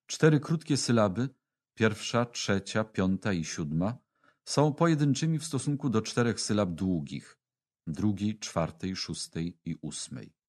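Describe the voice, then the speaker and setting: A man reading a classic religious text aloud as an audiobook, in a slow, measured way with long pauses. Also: on the low side, big pitch swings, a little mellow. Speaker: audiobook reader.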